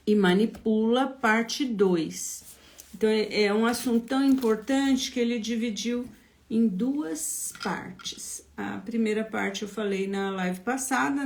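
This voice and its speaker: Brief: São Paulo woman, therapist running a live stream, higher voice, slow and chatty. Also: vocal fry. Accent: São Paulo Portuguese. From Brazil. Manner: greets viewers by name, chatty and unhurried. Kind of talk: casual live-stream talk.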